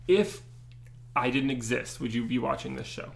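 A man's voice: mid-range voice, normal speed, gravelly. A young adult man co-hosting a podcast in casual chat, teasing his co-host and laughing often.

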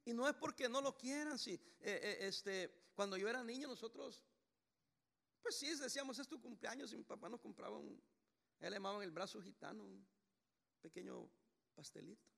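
Animated pastor with a gravelly voice. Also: male voice, high voice, moderate pace. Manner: animated, acts out voices in storytelling. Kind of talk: sermon.

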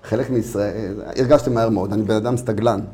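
Speaking informally and often repeating himself, a middle-aged man with an Israeli accent recounts his story in a relaxed interview. He's a startup founder from Israel who came from Latvia when he was four. His voice is fairly low, steady, and dark.

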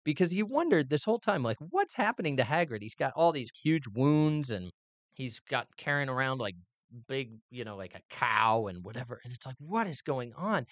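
A man's voice: mid-range voice, expressive, normal speed, no room sound. A man hosting a casual family book discussion, playful and musing as he talks. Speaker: podcast host and father.

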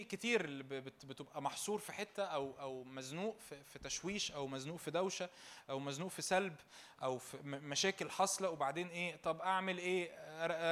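A man's voice: fairly high pitch, fairly bright tone. A young man preaching a sermon with an Egyptian Arabic accent, fervent and repetitive, raising his voice in exhortation and slipping in joking asides.

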